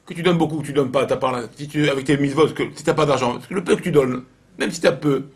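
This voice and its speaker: Man, rabbi, informal Torah lesson, animated storytelling, repeats phrases. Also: on the high side, fast.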